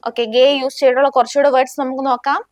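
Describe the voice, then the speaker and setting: With a Malayali accent, a woman leads a beginner language lesson, pronouncing each word slowly and having learners repeat after her. Her voice is high-pitched and level, and the recording is dry.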